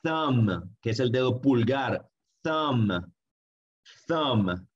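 A man who grew up speaking Spanish teaches English pronunciation in a friendly online lesson. He talks very slowly and repeats each word patiently, again and again. The recording sounds a little dull. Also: medium pitch, lively intonation, breathy edge. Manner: friendly, slow repetitive drilling of words.

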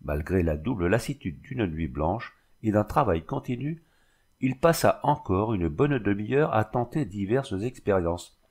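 A man reading a novel aloud as an audiobook narrator, in a measured, even way. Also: fairly low pitch, husky. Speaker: audiobook reader.

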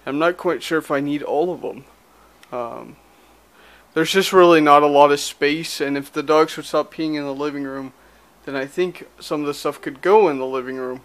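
Holding a handheld camera at arm's length as he moves about a small, cluttered spare bedroom, a young man chats loosely in a casual vlog, rambling and packing in fillers. His voice sits on the high side, fairly bright, with a steady tone and normal speed.

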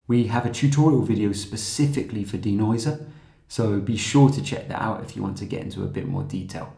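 A man narrating a scripted software tutorial in a calm, steady, explanatory way. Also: on the low side, a little fast, creaky, roomy sound.

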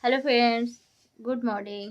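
A woman's voice: a little high, steady tone, a little fast, highs cut off, a little hiss or hum. A young woman talking casually at home in a rambling way with fillers, coaxing her child through simple quizzes. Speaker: vlogger and mother. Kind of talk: casual home vlog chat.

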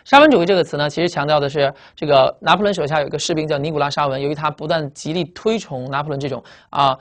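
A man teaching English vocabulary in a recorded lecture, explaining fast with lots of repetition and tag questions, speaking. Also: fairly high pitch.

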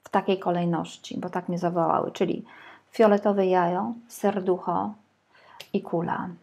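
A woman's voice: fairly low pitch, level tone, moderate pace, creaky, darkish tone. A woman reading tarot for her viewers in a chatty, casual way, sometimes dropping to a whisper while she lays out the cards. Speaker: tarot reader.

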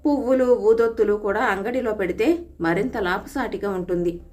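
A woman's voice: medium pitch, normal speed, a little mellow, close to an everyday voice. A woman voicing a kindly older male temple priest who speaks in a reassuring way. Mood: kindly, calm. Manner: kind and reassuring.

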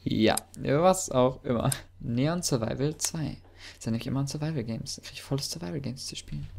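A man giving excitable, chatty commentary while playing a game, often yelping and exclaiming. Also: medium pitch, brisk, vocal fry, slight background noise. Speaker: let's player.

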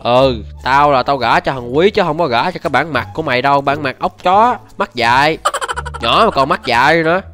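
A man's voice: medium pitch, animated, a bit bright, natural voice. Young man putting on an angry old father. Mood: scolding. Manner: scolding, threatening, rapid. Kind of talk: prank voice chat during a mobile game. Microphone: game voice chat.

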